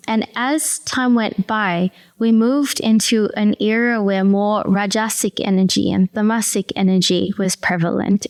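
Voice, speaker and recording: Smooth-voiced New woman explaining. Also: mid-range voice. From New Zealand. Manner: earnest, explanatory, with occasional fillers. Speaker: Ayurvedic practitioner guest. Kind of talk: conversational interview storytelling.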